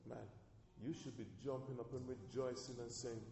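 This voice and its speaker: A man preaches a sermon to his church, pressing his points and calling out to the congregation as he builds. His voice is mellow and warm. The sound rings with a long echo through a large hall. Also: medium pitch, flat delivery, moderate pace. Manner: preaching with calls to the congregation and rising emphasis. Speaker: pastor.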